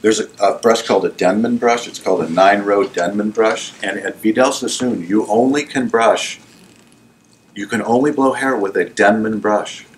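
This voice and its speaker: Middle aged guy with a lowish voice telling salon stories, lots of laughing and "you know what i'm saying". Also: moderate pace, a little hiss or hum. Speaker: salon owner and hairdresser. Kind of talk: storytelling in a casual interview.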